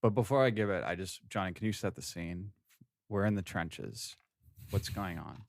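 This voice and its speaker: A man's voice: deep voice, moderate pace, vocal fry, dry recording, studio quality. A man co-hosting a comedy podcast in casual chat, playful and teasing, laughing often. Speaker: podcast co-host.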